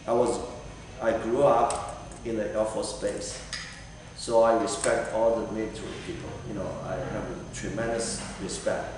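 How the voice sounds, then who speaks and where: Middle-aged candidate, halting and earnest, lowish voice, picked up far off in a noisy hall. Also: male voice, flat delivery. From Taiwan. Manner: earnest, halting, many fillers. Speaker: political candidate. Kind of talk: answering vetting panel questions. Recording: echoey hall recorded from afar.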